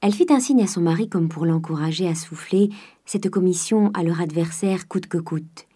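A woman narrating a classic novel as an audiobook in a measured way. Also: fairly low pitch, warm tone, husky.

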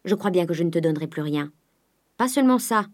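Woman doing old male miser, greedy, domineering, coaxing then blustering, lowish voice. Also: expressive, fast, natural voice. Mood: angry.

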